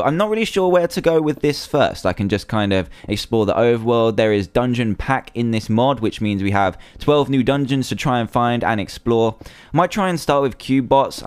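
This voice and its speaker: A man's voice: on the low side, smooth, no room sound. A young man giving casual, chatty commentary while playing a survival game, often nervous and easily panicked. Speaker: gaming video creator.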